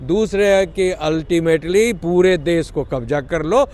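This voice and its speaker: A man's voice: a little high, slow pace, darkish tone. Emphatic man lecturing in a street interview. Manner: emphatic, lecturing, mixes English phrases.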